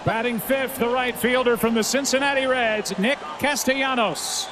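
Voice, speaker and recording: A man working as a stadium announcer, introducing lineups in a booming, showy arena style and drawing out names over the PA. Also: steady tone, normal speed. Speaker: stadium public address announcer. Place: large open-air stadium, over the PA. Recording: noisy stadium PA with loud ambience.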